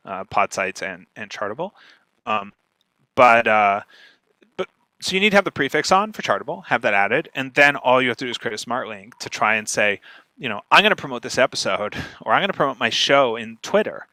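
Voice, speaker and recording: A man appears as a guest expert on a podcast about marketing, explaining things casually yet emphatically and frequently checking in with the listener. His medium-pitched voice is pushed and bright, and the recording is rough but has no echo.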